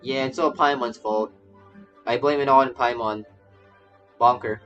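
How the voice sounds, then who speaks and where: Muffled audio captures a man's mid-range voice, fairly even and a little slow, as he livestreams a game. A VTuber and game streamer, he rambles casually, stammering and repeating himself, while faint game music runs in the background.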